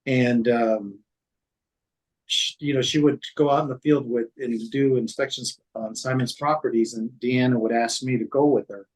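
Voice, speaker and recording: A man's voice: medium pitch, fairly even intonation, rough recording. A man, a former city code manager, recounting past workplace events in an interview, with frequent restarts and quoted dialogue. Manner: halting, many restarts and fillers, quotes others in dialogue.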